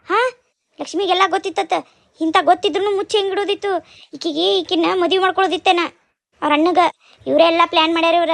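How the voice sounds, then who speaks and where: A woman voicing a furious, scolding middle-aged aunt in a cartoon, speaking with a North Karnataka Kannada accent in a shrill, threatening way. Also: steady tone, fast, gravelly, long pauses, no echo. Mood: angry scolding. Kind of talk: cartoon dubbing.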